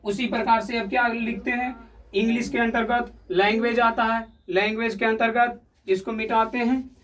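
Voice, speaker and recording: A man's voice: very high-pitched, level tone, normal speed, a bit bright. A man teaching English sounds to a class, repeating words and asking the pupils questions again and again. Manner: repetitive, quizzing the class with questions. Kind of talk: classroom lesson. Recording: voice heard from a distance.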